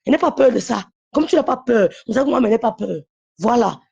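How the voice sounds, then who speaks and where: A woman's voice: fairly high pitch, lively intonation, fast, vocal fry, darkish tone, husky, lo-fi sound. A woman calling into a live stream, talking in an insistent, repetitive, confrontational way. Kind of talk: heated live-stream call.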